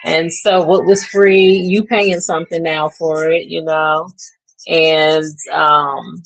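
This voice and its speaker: A woman's voice: sits low, low-quality recording. A woman in her thirties, a vlogger chatting casually to her viewers, rambling and trailing off as she searches for words. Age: 30s. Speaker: beauty vlogger. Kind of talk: casual chat to camera.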